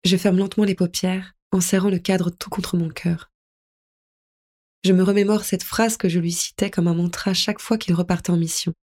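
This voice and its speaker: A woman narrating a first-person audiobook in a soft, tender, melancholy way. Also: lowish voice, little pitch movement, moderate pace.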